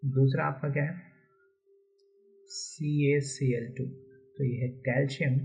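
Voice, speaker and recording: Male tutor, husky and mellow, patient step-by-step explainer who repeats key terms. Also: medium pitch, steady tone, slow. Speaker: teacher. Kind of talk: chemistry lesson walkthrough. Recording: dull lo-fi recording.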